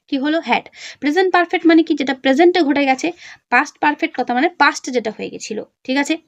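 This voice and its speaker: Woman teacher, Bengali accent, high voice, reads example sentences slowly, dry close sound. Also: no echo, lo-fi sound. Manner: explains step by step, asks the class questions and answers them herself. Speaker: English teacher. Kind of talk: exam revision lesson.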